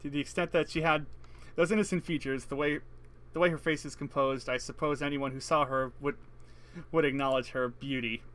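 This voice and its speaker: A let's play co-host with a fairly high, fairly bright voice reads a visual novel's text aloud at a fairly quick clip and a steady tone. He handles narration evenly, then jokes and laughs between lines.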